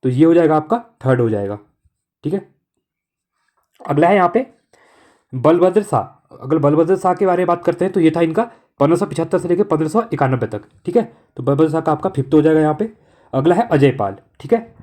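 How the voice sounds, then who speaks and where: A man teaching an online exam-prep lesson, working through multiple-choice answers in a brisk coaching manner and filling the gaps with constant "okay" checks. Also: fairly high pitch, lively intonation, dark tone. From Uttarakhand.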